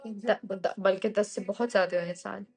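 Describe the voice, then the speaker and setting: A young woman telling stories casually on a live stream, switching freely between Hindi-Urdu and English, emotional and animated. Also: mid-range voice, moderate pace, slightly rough, soft background music.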